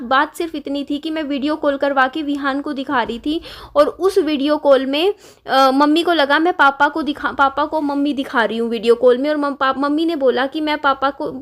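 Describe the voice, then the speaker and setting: A young woman vlogger telling a painful family story in a halting, upset way, with many restarts. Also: high-pitched, fairly bright tone. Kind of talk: casual confessional vlog.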